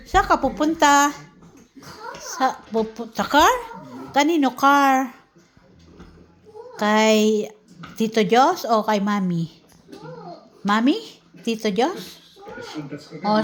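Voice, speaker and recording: A woman filming a toddler at home, coaxing the child in a playful sing-song way. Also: a little high. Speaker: family member filming a toddler. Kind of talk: casual home video.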